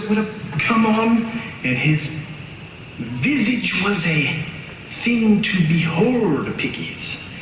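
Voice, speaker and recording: A man playing a flamboyant, vain horror host baron with pompous, theatrical, drawn-out delivery. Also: high-pitched, full character voice. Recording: echoey room, distant mic, background noise.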